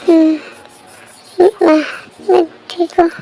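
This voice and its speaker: Bitter feverish young woman, voiced by a woman, sarcastic and accusing, high voice. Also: level tone, slow, creaky, a little hiss or hum, exaggerated voice. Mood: weak, bitter. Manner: accusing, sarcastic, often quiet and drawn out.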